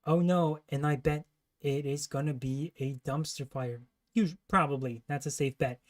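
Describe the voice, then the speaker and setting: A man's voice: on the high side, normal speed, a little hiss or hum. A man hosting a livestream, giving casual, critical commentary as he reacts to a trailer. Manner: critical, disparaging.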